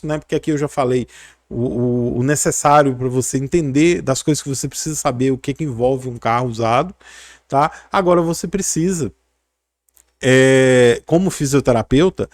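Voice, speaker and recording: Brief: middle-aged man, rambling casual vlog talk, lots of fillers, voice a bit high, dry mic. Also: a little mellow, dry recording. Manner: rambling, chatty, many fillers and tag questions. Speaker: physiotherapist YouTuber.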